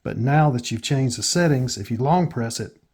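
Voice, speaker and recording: Hosting a tutorial, an American man explains the steps one at a time, pausing as he goes. His mid-range voice is husky and soft at the edges, with a dark, easygoing tone, and his manner stays casual and matter-of-fact.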